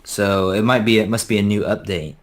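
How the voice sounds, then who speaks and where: Male guest, lowish voice, friendly explainer, call-in sound, hesitant pauses. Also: fairly even intonation. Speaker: guest drone pilot. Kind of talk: casual video-call chat.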